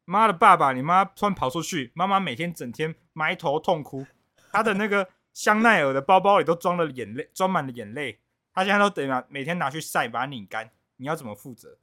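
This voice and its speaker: A man's voice: fairly high pitch, lively intonation, a little fast, pushed and bright. A man voicing an indignant young adult daughter who scolds her rich father in an exasperated, complaining way.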